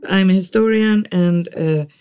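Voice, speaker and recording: A man from Sweden, a historian, speaking in a relaxed and friendly way in an interview. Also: sits high, a little slow, highs cut off, faint music behind.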